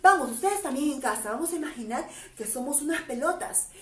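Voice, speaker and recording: A woman's voice: high-pitched, brisk. A woman preschool teacher leading a class routine with chants and action songs in a sing-song voice. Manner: animated, chanting and singing action rhymes. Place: classroom with children. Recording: roomy sound, mic at a distance.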